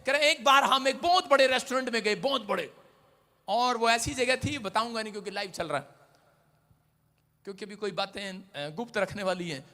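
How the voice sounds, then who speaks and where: A man preaching as a pastor, his voice pitched very high for a man and ringing bright. He swings from shouted calls to the congregation down to hushed, hurried storytelling. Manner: swings between shouted exhortation and quiet storytelling. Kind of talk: sermon.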